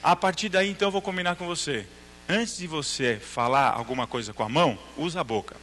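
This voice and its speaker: Bright-voiced lecturer in a reverberant hall. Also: male voice, a little high, a little fast, slight background noise. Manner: storytelling, acts out dialogue and checks in with the audience. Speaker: lecturer at a religious talk. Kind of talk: religious lecture to a live audience.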